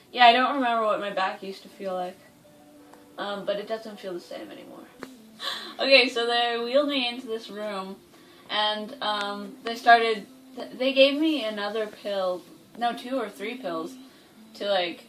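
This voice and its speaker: Young woman, late teens, chatty storyteller, mid pitch, recorded a bit off-mic with faint background hiss. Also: a bit bright, distant mic, poor audio. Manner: chatty, many "like" fillers, laughs between lines. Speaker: interviewee. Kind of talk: casual personal storytelling.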